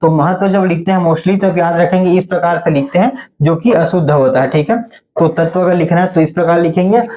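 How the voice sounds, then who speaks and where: A male teacher giving an online Hindi spelling class. He explains slowly and patiently, often stopping to ask whether it is clear. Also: on the high side, dark tone. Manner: explains patiently, often says "theek hai" to check in.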